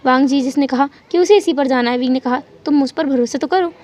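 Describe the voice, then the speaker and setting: High-voiced woman narrating a story. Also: quick pace. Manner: animated, dramatic retelling. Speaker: channel storyteller. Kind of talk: fan fiction story narration.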